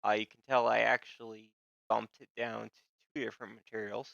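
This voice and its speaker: A man's voice: fairly low pitch, flat delivery, brisk, gravelly, a bit bright, dry recording, highs cut off. A man streaming, chatting casually and rambling with lots of fillers.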